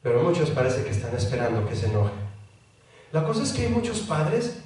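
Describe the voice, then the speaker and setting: A pastor preaching a sermon, acting out the voices of a pleading child and a parent. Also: male voice, on the high side, big pitch swings, a little fast, darkish tone. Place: church hall. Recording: very echoey hall, mic far off.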